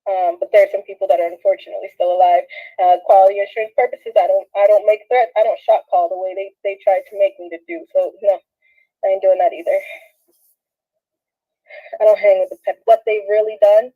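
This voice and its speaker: A woman's voice: mid-range voice, fairly even intonation, brisk. A woman in her thirties from Southern California, talking straight to viewers in a rambling, slangy monologue while shaky and laughing through tears. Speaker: vlogger. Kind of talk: emotional direct-to-camera monologue. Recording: dull lo-fi phone audio.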